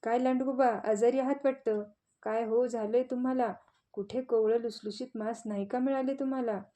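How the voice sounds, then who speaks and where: A woman's voice: fairly high pitch, steady tone, unhurried, warm tone, close to an everyday voice. A woman voicing a clever little male rabbit in a children's audio story, cheeky and teasing.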